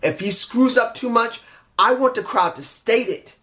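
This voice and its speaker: A wrestling show reviewer with a stuffy head cold gives a casual solo review, rambling, correcting himself, apologizing for mix-ups and grumbling in frustrated asides. His voice is very high-pitched, pushed and bright, at a normal speed.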